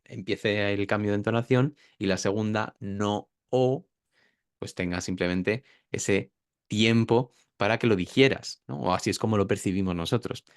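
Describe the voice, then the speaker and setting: A man explains pronunciation as an interview guest, using his skills as a pronunciation teacher to demonstrate sounds by drawing out words. His voice is on the low side, with a clean tone, and he speaks at a normal speed. The recording is studio quality, with no room sound.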